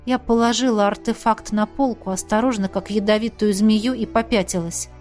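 A woman reading a first-person fantasy novel aloud in an expressive, emotional storytelling manner. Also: medium pitch, moderate pace, faint music behind. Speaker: audiobook narrator.

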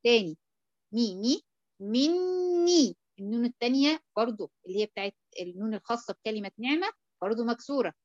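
An Egyptian woman with a fairly high voice teaches tajweed patiently, stretching out syllables to show how they sound and asking often whether it is clear. The recording is muffled and dull. It is dry, with no room echo. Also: expressive. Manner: patient, checks understanding often, drawn-out demonstration syllables. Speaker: Quran recitation teacher. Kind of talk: tajweed lesson.

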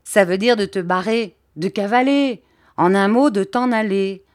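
A woman's voice: medium pitch, measured pace, a little mellow, no echo, close to an everyday voice. A woman reading an audiobook, voicing a bold, stubborn Parisian companion who talks in a familiar, teasing way. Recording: dry close audiobook recording.

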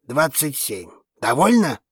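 A husky, gruff old space trader, voiced by a woman narrating a storybook. He is surly and dismissive, and his low voice swings widely in pitch. The read is close and dry. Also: big pitch swings, takes it slowly, no room sound, exaggerated voice.

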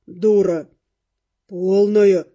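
A woman's voice: mid-range voice, steady tone, extremely slow, mellow, pitched below the performer's own voice. A woman voicing a grumpy, rude, scaly male ghost creature who hisses insults, on a dull lo-fi recording with faint music. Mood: scornful. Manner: growling, hissing insults, then stiffly polite.

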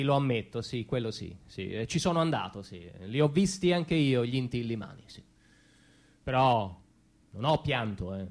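With a fairly high, exaggerated voice, a man on stage performs a comic monologue as an ordinary middle-class father who gets defensive and evasive about his past, as if fielding questions. His delivery is halting and hesitant, full of repetition.

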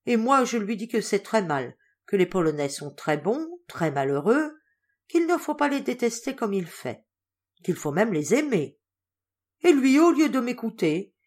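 A woman voicing a cheerful, talkative young girl in an audiobook, speaking in a higher, lively voice. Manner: lively, chattering, high-pitched. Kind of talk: audiobook character reading.

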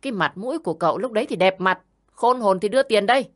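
A woman voicing a bossy, greedy older aunt who yells and berates harshly, pitched well above her own voice. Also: animated, fast, natural voice. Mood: demanding.

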